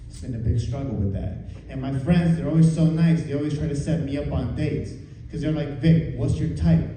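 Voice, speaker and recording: A man's voice: medium pitch, steady tone, a little fast, warm tone. A man doing conversational stand-up comedy, telling self-deprecating stories in a casual way to a live audience. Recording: echoey room, distant, faint noise.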